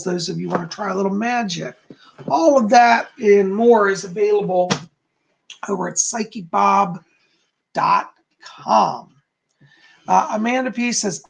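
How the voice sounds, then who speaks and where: A man hosting a casual live stream as a psychic medium, excitedly greeting viewers by name. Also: high voice, gravelly.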